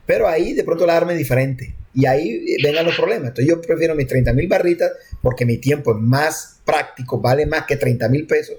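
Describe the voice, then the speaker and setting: A man from Colombia's Caribbean coast teaching programming, his voice pitched a touch high. He talks in a loose, joking way and often restarts his sentences. He sounds like he is on a video call. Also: brisk, few pauses, a little mellow. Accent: Colombian coastal Spanish. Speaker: programming instructor. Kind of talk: online class talk.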